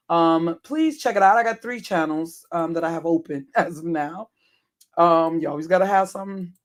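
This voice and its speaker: With a hoarse, worn, deep voice, a livestream host chats casually with viewers, rambling on, correcting themselves, and filling the talk with chuckles and ums.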